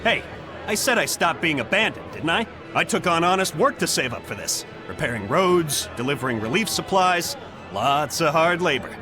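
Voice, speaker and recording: Lively, high-pitched reformed bandit. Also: male voice, moderate pace. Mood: defensive pride. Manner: boisterous, informal. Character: cheerful reformed male bandit turned eager cook. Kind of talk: video game voice acting. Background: music.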